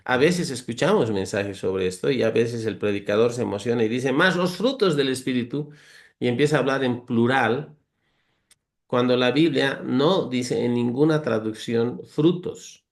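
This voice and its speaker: A man with an ordinary pitch leads a conversational Bible teaching, reading verses aloud and earnestly explaining them at a normal speed. He goes through virtues one at a time, calls his listeners brothers, and draws homely, humorous comparisons.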